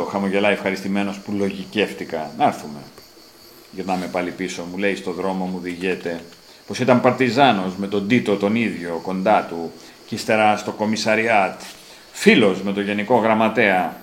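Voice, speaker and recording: Reading aloud from his own literary writing, this man builds dramatic rising emphasis on phrases he repeats. His voice is deep and steady, with a little hiss or hum, captured in a roomy, echoing space with faint ambience.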